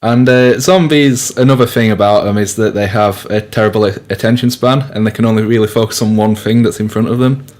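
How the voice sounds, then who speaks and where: A man's voice: fairly low pitch, fairly even intonation, fairly quick, few pauses, a little mellow. A young man co-presenting a radio science show, explaining loosely with lots of fillers and restarts. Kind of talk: casual science chat.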